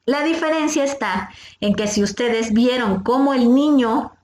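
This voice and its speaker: A woman's voice: fairly high pitch, measured pace, darkish tone, reverberant. A woman, a first aid instructor patiently teaching a class of young scouts step by step and asking them questions. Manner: patient, explains step by step, asks the kids questions.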